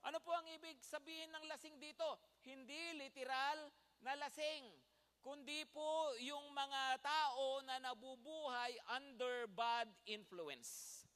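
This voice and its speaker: Filipino pastor guy, high bright voice, chatty sermon w lots of "no?" asides, church reverb. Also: steady tone, slow pace. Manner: chatty storytelling with laughs and "no?" asides. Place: church sanctuary.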